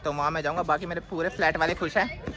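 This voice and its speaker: A man in his 20s with a slightly high voice talks fast and steadily, sounding bright and forceful as he chats animatedly with viewers in a casual vlog, often repeating his phrases as he keeps up a running commentary. He's on an open urban rooftop, recorded on a phone camera from close up to a few metres away. The noisy outdoor recording picks up city sounds and the voices of people around him.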